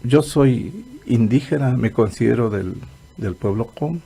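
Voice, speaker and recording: Gravelly-voiced man speaking earnestly. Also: medium pitch, lively intonation, a little slow, mellow. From Argentina. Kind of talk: reflective radio interview.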